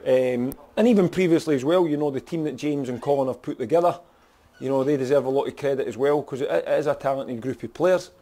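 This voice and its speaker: A Scottish man speaks plainly as a football manager in a post-match interview. His voice is dark and mellow, and he talks in a frank, direct way with lots of "you know". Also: mid-range voice, quick pace.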